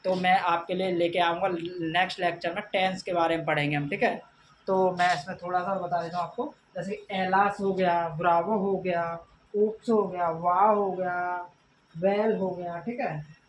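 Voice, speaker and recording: A man teaching an English grammar lesson, reading out examples slowly and repeating a filler after nearly every phrase. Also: high voice, fairly even intonation. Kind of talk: classroom lecture. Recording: distant mic with faint background noise.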